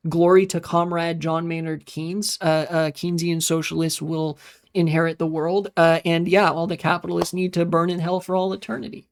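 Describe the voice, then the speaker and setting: Here an American live streamer keeps a level tone at a moderate pace in a mid-range voice. The monologue is casual and wandering, peppered with swearing and filler sounds as chat messages are answered.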